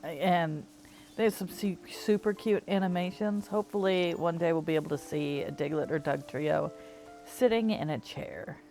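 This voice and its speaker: Low, gravelly woman relaxing through gameplay. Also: normal speed. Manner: soft, easygoing, thinking aloud. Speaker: gaming streamer. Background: faint game music.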